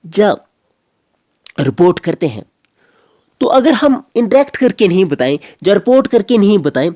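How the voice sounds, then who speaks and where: A man's voice: sits high, warm tone, no room sound, studio quality. A man teaching a grammar lecture, explaining step by step and repeating key phrases.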